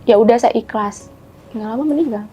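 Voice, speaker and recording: Woman telling spooky stories quick, voice a bit high, slightly muffled lo-fi sound. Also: soft background music. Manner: animated, acts out quoted voices, keeps saying "gitu". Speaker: guest telling ghost stories. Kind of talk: casual storytelling chat.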